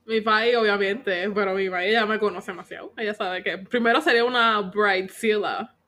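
A woman chats casually with a friend, laughing often and keeping her replies short. Her voice sits at a middle pitch. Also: steady tone, moderate pace, sharp tone. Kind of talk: casual chat.

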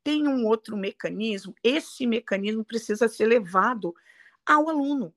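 Animated, high-voiced woman teacher. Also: normal speed. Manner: explanatory, emphatic, lively. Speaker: English teacher. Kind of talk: conversational interview.

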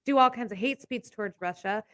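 A woman with a somewhat high voice talks politics casually, sarcastic and animated, swearing freely and mocking the people she quotes. The sound is dry and close, with almost no room in it. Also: brisk, dry recording. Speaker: podcast co-host.

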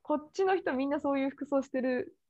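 A woman's voice: high voice, fairly quick, highs cut off. A young woman from Japan co-hosting a podcast, chatting casually and laughing often as she tells stories. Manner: animated, laughs often while telling stories. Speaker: podcast co-host. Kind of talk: casual chat.

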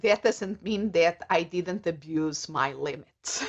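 A middle-aged woman with a Portuguese accent, a native Portuguese speaker, speaking as an interview guest in a thoughtful, measured way as she searches for words. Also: on the low side, dull audio. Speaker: guest, coach. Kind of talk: casual interview.

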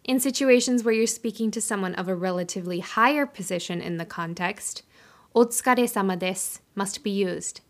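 A woman hosting a podcast, reading a scripted intro and carefully sounding out Japanese phrases syllable by syllable. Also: mid-range voice. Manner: careful, slow syllable-by-syllable pronunciation of Japanese words. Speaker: podcast host.

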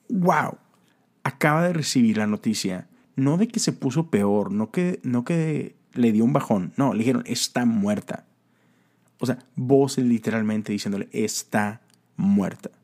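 A man's voice: medium pitch, darkish tone. A man giving a casual, conversational sermon, full of fillers and emphatic exclamations. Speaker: preacher.

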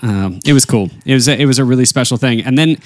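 A man hosting a casual podcast in a folksy way, often pausing to think aloud as he talks to listeners. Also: medium pitch, no room sound. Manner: folksy, addresses listeners as y'all. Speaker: podcast host; wedding and portrait photographer.

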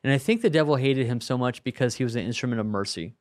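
A man co-hosting a podcast, telling stories in a casual, animated way. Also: medium pitch, fast. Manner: animated storyteller, chuckles through anecdotes. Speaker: podcast co-host.

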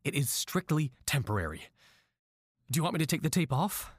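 A desperate, unstable captor, as a man acts him out, swinging between soft pleading and furious outbursts. His pitch leaps wildly, his voice is husky, and the recording is dry and close. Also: very animated, fairly quick, dry recording. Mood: pleading, tense. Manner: pleading then screaming in rage. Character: desperate man holding a woman captive, volatile. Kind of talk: audio drama acting.

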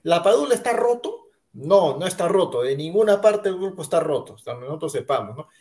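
A man's voice: a little high, sing-song, a little fast, a little mellow. A man co-hosting a football podcast over a video call, ranting indignantly, swearing and talking over the others. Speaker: podcast co-host and pundit. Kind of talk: heated football debate.

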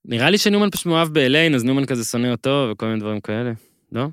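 A man co-hosting a podcast in casual chat, rambling and gushing with excited repeats. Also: mid-range voice, clear, resonant tone, dry recording, clean studio sound. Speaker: podcast co-host.

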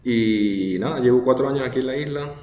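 In a laid-back interview, a guest brewmaster from Chile, a man in his 30s with a Chilean Spanish accent, talks a little fast in a dark, mid-range voice. He stumbles with frequent hesitations and repeated words, and the recording sounds roomy.

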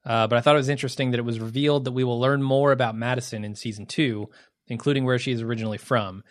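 An easygoing man reads listener emails aloud on a podcast and keeps the casual chat moving. His voice sits at a middle pitch and sounds dry and close, with no room around it. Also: steady tone, rapid-fire, dry recording. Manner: easygoing, moves the talk along.

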